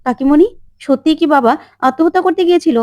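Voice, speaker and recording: A woman's voice: high voice, fast talker, a little mellow, no echo, voice pushed up, lightly acted. A woman voicing a young daughter who defiantly accuses her family of ruining her life. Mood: indignant. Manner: accusing, pleading.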